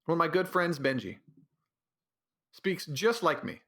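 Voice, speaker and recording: A podcast host working solo rants sarcastically and comedically, rambling and breaking into mocking voices. His fairly high voice is expressive, pushed and bright, delivered at a measured pace.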